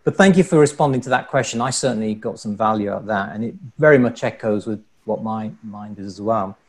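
A man's voice: lowish voice, a little fast. A man moderating an online panel discussion over a video call, chatty and repeating words as he starts sentences. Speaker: panel host.

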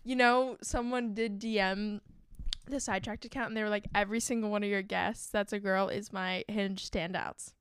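A woman's voice: medium pitch, fairly even intonation, normal speed, a little hiss or hum. A young woman hosting a casual podcast, telling rambling stories with lots of fillers and giggles. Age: young adult. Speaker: podcast host. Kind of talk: casual chat.

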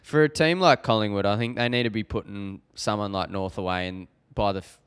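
A man's voice: on the low side, fairly quick, clear, resonant tone. A man with an Australian accent, chatting casually as co-host of a sports betting podcast. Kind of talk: casual chat.

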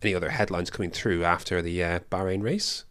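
A young man talks fast in a low voice, with no echo, while co-hosting a motorsport podcast. His casual, opinionated chat is animated, veering between excitement and dry asides.

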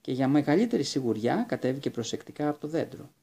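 Husky, gravelly male storyteller. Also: mid-range voice. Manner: lively, expressive storytelling. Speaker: narrator. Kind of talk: audiobook reading of a children's book.

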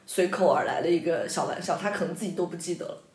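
A woman guest on a podcast in casual chat, earnest and quick to agree. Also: on the low side, a little mellow, reverberant.

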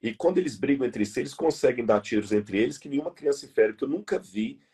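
A man's voice: mid-range voice, animated, fast, mellow, husky. A man from Brazil with a Brazilian Portuguese accent, a guest arguing earnestly in an interview, emphatic and repeating key words. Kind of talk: earnest conversational argument.

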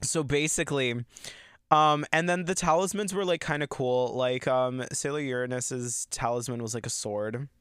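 Guy podcast host rambling thru a recap, lots of "like", medium pitch, dry room. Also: normal speed, fairly bright tone, smooth, dry recording. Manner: rambling, filler-heavy, laughing storytelling. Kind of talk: casual chat.

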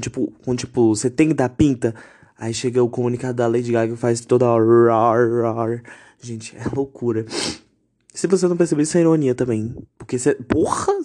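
A young man hosting a podcast, delivering an indignant, sarcastic, swear-filled rant with big pitch swings. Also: dark tone, husky. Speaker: podcast host. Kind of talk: ranting podcast monologue.

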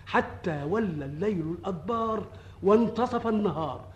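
A man playing an excitable, timid wanderer in an old radio drama, theatrical, with an Egyptian accent. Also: sits high, normal speed, muffled recording. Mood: animated storytelling. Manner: theatrical storytelling. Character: excitable, timid male folk-tale wanderer telling his fortune.

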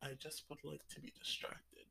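A man's voice: moderate pace, bright, forceful tone. A twenty-year-old man talking in a confessional vlog, rambling with lots of "like" fillers and sighs. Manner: rambling, full of "like" fillers, sighing. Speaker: vlogger.

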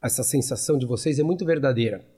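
A man's voice: mid-range voice, quick pace, mellow, husky. A man hosting a casual chat, talking back and forth and laughing while acting out quotes.

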